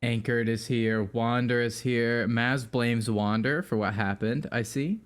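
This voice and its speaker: A man's voice: medium pitch, fairly even intonation, unhurried, clean tone. A man chatting casually as a player on a tabletop game stream, giggly and easily cracking up. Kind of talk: casual banter with fellow players.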